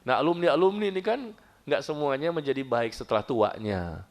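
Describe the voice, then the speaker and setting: A middle-aged man preaching a humorous sermon to a study gathering, joking and often jumping high in pitch for emphasis. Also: animated, normal speed.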